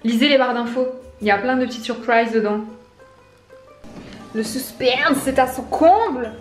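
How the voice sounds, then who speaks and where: A woman's voice: fairly high pitch, normal speed. A young woman vlogging casually, explaining her design steps to viewers in a chatty, playful way. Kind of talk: casual tutorial vlog. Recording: roomy echo, voice from a distance, faint music.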